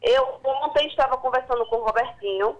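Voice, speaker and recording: Woman caller, breaking-up phone line, muffled sound, fairly high voice, affectionate. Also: fairly quick. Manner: affectionate, calls the host dear. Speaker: caller to a radio show. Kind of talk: call-in phone chat. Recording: muffled cutting-out phone call.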